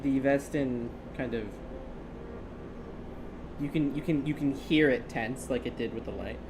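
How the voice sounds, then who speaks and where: A man narrating a tabletop game as game master, halting and pausing between short phrases. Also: medium pitch. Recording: clear background room noise.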